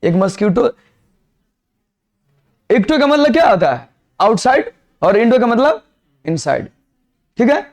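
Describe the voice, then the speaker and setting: A man with a high-pitched voice lectures a biology class in a classroom. He keeps throwing questions at the students and answering them himself, switching freely between Hindi and English terms. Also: very animated, measured pace, long pauses, darkish tone. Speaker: biology teacher.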